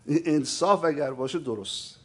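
A man's voice: fairly high pitch, fairly bright tone, breathy edge. A man teaching a theology lesson, speaking emphatically and often putting questions to his listeners. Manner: emphatic, keeps asking the audience questions; addresses listeners as "sir". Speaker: religious teacher. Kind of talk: lecture on theology.

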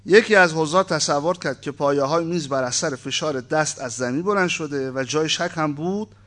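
Reading aloud from a text, a man with a somewhat high, slightly bright voice delivers an informal lecture. Between read passages he slips into chatty, wryly humorous asides.

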